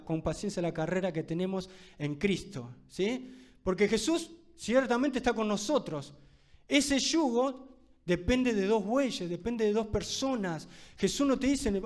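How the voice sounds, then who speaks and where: A man's voice: sits high, darkish tone. A man with a Rioplatense Spanish accent preaching a fervent sermon, checking in with the congregation often and closing in prayer. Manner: ends in a spoken prayer.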